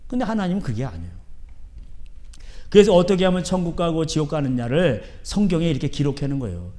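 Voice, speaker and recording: Fiery high-voiced pastor. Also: male voice, very animated, fast. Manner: emphatic, swinging from soft asides to shouting. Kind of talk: sermon. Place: church sanctuary.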